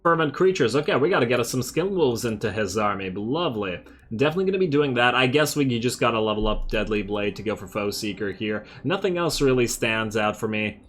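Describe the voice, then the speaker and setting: A man's voice: medium pitch, lively intonation, fairly quick, hardly any pauses, fairly bright tone. A man giving casual, laid-back strategy game commentary, thinking aloud as he plays. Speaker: gamer, host of a let's play series. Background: game music.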